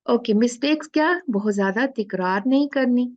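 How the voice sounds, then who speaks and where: A woman teaching an online recitation class, patiently repeating sounds slowly to demonstrate them over a video call. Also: fairly high pitch, darkish tone, no echo, dull audio. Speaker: tajweed teacher.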